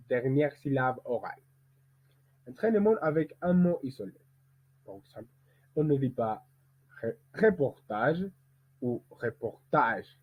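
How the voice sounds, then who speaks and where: A man who is a musician, teaching pronunciation and speaking as a learned language, who demonstrates rhythm slowly and deliberately. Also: medium pitch, husky. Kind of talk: explanatory lesson. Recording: tinny, phone-like sound.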